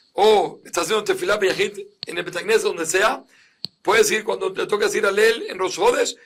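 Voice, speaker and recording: Bright-voiced rabbi explaining law. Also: male voice, high-pitched. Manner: reads Hebrew quotes then explains them in Spanish. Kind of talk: explanatory religious lesson.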